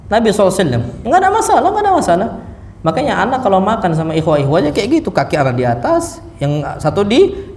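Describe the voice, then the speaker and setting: A man giving a lively mosque lecture to a seated audience, acting out sounds and stories as he preaches. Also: sits high. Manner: lively, animated, acts out sounds and punchlines. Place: mosque hall. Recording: echoey mosque hall, faint noise.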